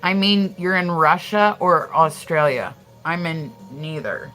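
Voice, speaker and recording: Talking to her livestream viewers from home, an American woman gossips in a loose, profane way, sprinkling in "like" and other fillers as she answers them. Her voice sits low and is expressive and a bit bright, at a slow pace. Faint music plays behind her.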